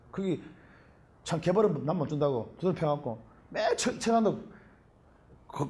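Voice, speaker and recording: A middle-aged Korean pastor with a high male voice preaches an animated sermon, often calling out hallelujah.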